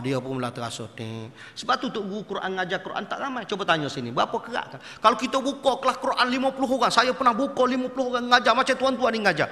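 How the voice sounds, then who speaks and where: A middle-aged man giving a mosque sermon, telling lively stories and acting out his teachers' voices. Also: very high voice. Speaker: religious teacher. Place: mosque prayer hall. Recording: echoey hall.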